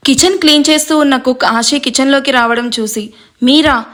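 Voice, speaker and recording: A woman storyteller reading a romance story aloud. Her voice is high and clear in pitch, and she keeps a steady, expressive narrating pace. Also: fairly quick.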